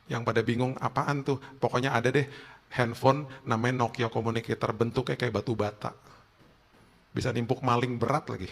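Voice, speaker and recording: Animated joking preacher. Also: male voice, medium pitch, brisk, gravelly. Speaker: pastor. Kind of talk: humorous storytelling sermon.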